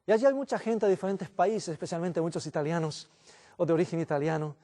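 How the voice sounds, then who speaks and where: A man's voice: a little high, quick pace, dark tone. A man preaching an earnest sermon as pastor in a church, addressing the congregation as brothers.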